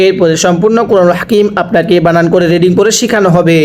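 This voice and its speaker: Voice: medium pitch, fairly even intonation, fast talker, a little mellow, slight background noise. A Quran reading teacher from Bangladesh leading an online lesson, with patient, repetitive call-and-response drills of syllables. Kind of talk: online recitation lesson with repeat-after-me drills.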